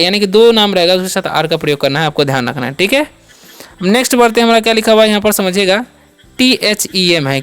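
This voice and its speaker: A man with a high-pitched, clear, resonant, slightly bright voice gives a step-by-step, classroom-style English vocabulary lesson. He repeats and spells out each word, quizzes listeners and answers his own questions, and closes each point with a reassuring check-in.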